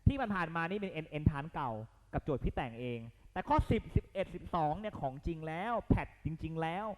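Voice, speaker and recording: A man's voice: a little high, a little fast, long reverb tail, slight background noise. A man tutoring math for an entrance exam, coaxing and casual, often checking that students keep up. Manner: lively, coaxing, keeps checking the students follow; blunt and slangy at times. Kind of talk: exam prep lesson.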